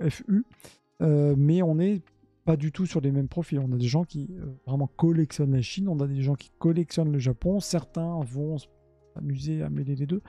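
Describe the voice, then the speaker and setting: A man's voice: on the high side, gravelly, warm tone, no echo. A man talking casually on a live stream about Japanese art, hesitant with many fillers and restarts.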